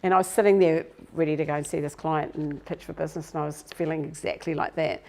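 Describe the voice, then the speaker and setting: A middle-aged woman coaches a live workshop group, her voice pitched low with a gravelly edge. She talks in a chatty, self-deprecating way to the people in the room. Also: fairly even intonation, fast talker, darkish tone. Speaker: business coach presenting a workshop.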